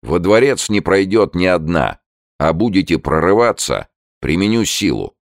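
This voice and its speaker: A man's voice: very deep voice, big pitch swings, normal speed, no room sound, studio quality, heavily acted. A man reading an audiobook, voicing a stern male palace officer who answers curtly and dismissively. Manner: categorical, clipped.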